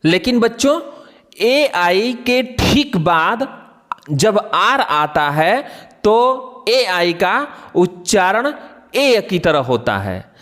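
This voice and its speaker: A man's voice: sits high, sing-song, drawn-out words, fairly bright tone. A man teaching children English phonics, spelling each word letter by letter and then saying it, asking them to repeat after him. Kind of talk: slow phonics lesson for children.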